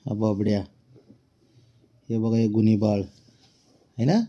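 Male pet owner, slow and teasing, dark mellow voice, lo-fi phone sound. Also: lowish voice, little pitch movement. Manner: playful scolding, calls out to the cat. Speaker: pet owner talking to his cat. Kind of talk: casual talk to a pet, teasing.

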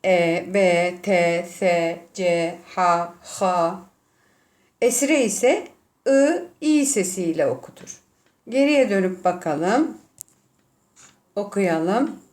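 A woman teacher with a Turkish accent, slowly explaining Arabic vowel marks and sounding out letters one by one. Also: lowish voice, lively intonation, darkish tone. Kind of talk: classroom lesson.

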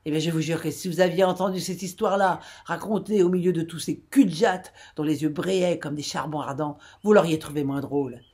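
A woman reading aloud, voicing a grave, hot-tempered old sea captain who growls and bursts into angry shouts. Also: sits low, brisk, hardly any pauses, breathy edge.

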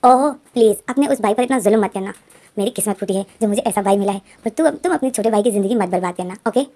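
A sulky teenage schoolboy, played by a woman, dry and quick with his replies. The voice stays fast and mellow, the way a storyteller reads out a boy's lines. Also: medium pitch, natural voice. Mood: complaining. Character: teenage schoolboy ruled by his strict older brother.

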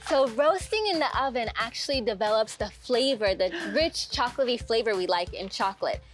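A woman's voice: fairly high pitch, expressive, brisk, faint music behind. A woman guest explaining a process to children, patiently and step by step. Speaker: chocolate maker guest.

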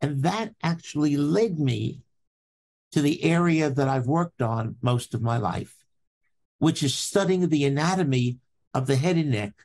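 An older man from Brooklyn, a professor telling a story from his childhood in a podcast interview, slow and deliberate with dramatic pauses. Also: a little high, animated, darkish tone. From Brooklyn, New York. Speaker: anatomy professor, guest.

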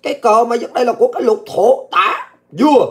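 A woman delivering angry political commentary, ranting abusively and often shouting. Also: on the high side, fast talker, slight background noise. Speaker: political vlogger.

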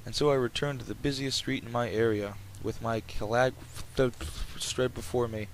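A man's voice: medium pitch, fairly even intonation, normal speed, rough recording. A man reading game text aloud in an informal way, with casual joking asides. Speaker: let's player reading a visual novel aloud. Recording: clear background noise, game ambience.

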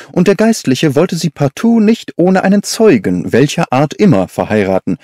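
Lively expressive male storyteller. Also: mid-range voice, dry recording, clean studio sound. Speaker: audiobook narrator. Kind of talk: scripted literary narration.

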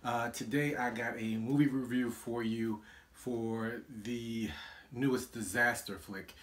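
A young man hosting his own vlog, reviewing a movie in an animated, exasperated rant with sarcastic asides. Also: mid-range voice, slow. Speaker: vlog host.

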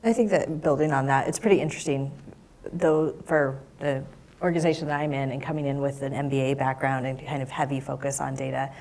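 A woman's voice: a bass voice, fairly even intonation, a little fast, a little mellow. A woman in her thirties speaking as a panelist in a lecture hall on a lapel mic, thoughtful and gesturing as she explains. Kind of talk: panel discussion.

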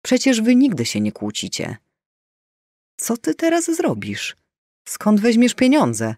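A man's voice: high voice, wildly swooping pitch, a little mellow, no echo, clean studio sound, pitched above the performer's own voice, full character voice. Man voicing an alarmed grown son. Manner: urgent, alarmed, rapid questions. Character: worried adult son on the phone.

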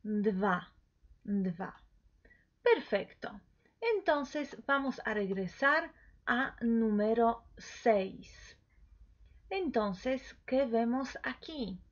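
A woman teaching pronunciation, repeating each word slowly and coaxing the listener to say it back. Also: fairly high pitch, animated. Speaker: language teacher. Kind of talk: slow pronunciation lesson. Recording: dull lo-fi recording.

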